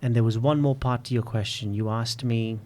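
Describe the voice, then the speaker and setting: A man in his late thirties with a stutter, repeating word starts, speaking slowly and reflectively as a podcast guest. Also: medium pitch, steady tone, warm tone. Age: 30s. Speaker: public speaking coach. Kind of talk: podcast interview.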